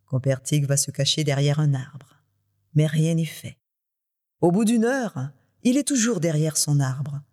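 A lively storyteller reading out a folk tale with expressive delivery, at an average pitch. A long reverb trails behind each phrase.

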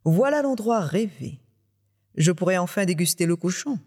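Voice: mid-range voice, animated, normal speed, a little mellow. A storyteller voicing a greedy, hot-tempered tiger husband who blusters indignantly in a somewhat raised voice.

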